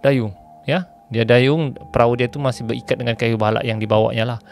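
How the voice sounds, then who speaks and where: A man telling a ghost story in a chatty way, pausing to explain local slang to his viewers. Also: medium pitch, fairly even intonation, creaky, soft background music.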